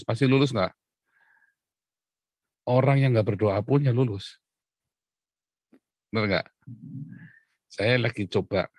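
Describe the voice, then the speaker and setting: A man preaching a conversational devotional sermon, often asking his listeners questions, clearing his throat and chuckling. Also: on the low side, dry recording.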